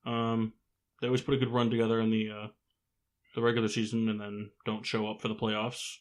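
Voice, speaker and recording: A man hosting a casual sports podcast, teasing his co-hosts and firing off quick questions. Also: lowish voice, completely flat delivery. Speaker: podcast host.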